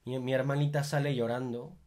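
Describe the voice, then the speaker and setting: A man's voice: medium pitch, little pitch movement, brisk, darkish tone. A young man with a Mexican accent hosting a reflective monologue, informal and full of swearing, rising into emphatic bursts. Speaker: podcast host.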